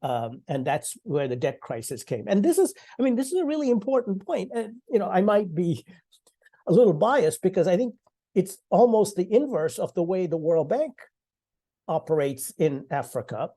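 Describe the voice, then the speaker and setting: Older man, from Sri Lanka, warm mellow tone, panel talk, loose and halting phrasing. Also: high-pitched, very animated. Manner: conversational, many restarts and fillers, laughs lightly. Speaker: panel speaker. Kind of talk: online panel remarks.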